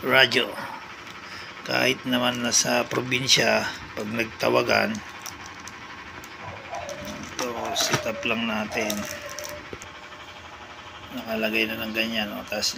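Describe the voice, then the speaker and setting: A man's voice: mid-range voice, little pitch movement, slow, long pauses. A man with a Filipino accent giving a casual unboxing and demo chat as a vlogger. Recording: clear background noise.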